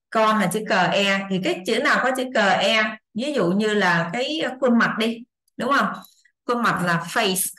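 A woman explains an English lesson in a casual, talkative way. She repeats examples and keeps checking that her students are following. Her middle-pitched voice carries a noticeable room echo. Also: sharp tone. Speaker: English teacher. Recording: roomy echo.

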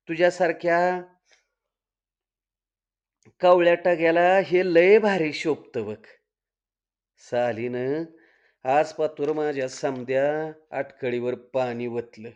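A man's voice: fairly high pitch, smooth, highs cut off. A storyteller reading aloud, voicing a cocky young village man who grumbles in rural dialect. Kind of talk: dramatic Marathi story reading.

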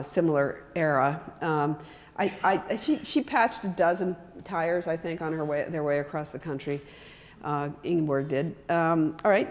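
A woman in her sixties gives a relaxed, chatty slide talk, holding a microphone and gesturing as she speaks. Her voice sits a little low, with fillers and restarts throughout. The sound carries a long hall reverb. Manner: conversational, animated with hand gestures, many fillers. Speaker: author giving a talk. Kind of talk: illustrated public talk. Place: large hall with wooden floor. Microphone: handheld microphone.

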